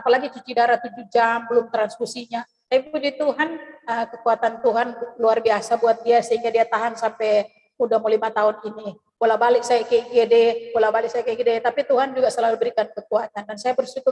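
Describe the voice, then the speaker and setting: A woman's voice: on the high side, quick pace. Middle-aged woman telling a testimony over a reverberant call. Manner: lively storytelling, acts out the voices of the people in her story. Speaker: church member giving a testimony. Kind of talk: personal testimony. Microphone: video call.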